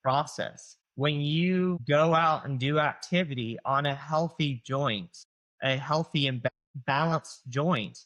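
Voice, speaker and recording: On a low-quality recording, a chiropractor in his forties with a Southern US accent takes it slowly, his fairly high voice a bit bright. As a podcast guest, he explains things casually, full of fillers and impressions of his patients' words.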